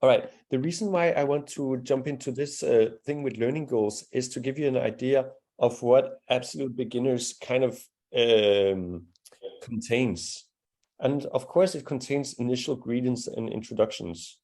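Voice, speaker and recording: A man's voice: mid-range voice, normal speed, mellow. A man teaching a live beginner language class, patient and encouraging as he explains pronunciation step by step. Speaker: Danish teacher.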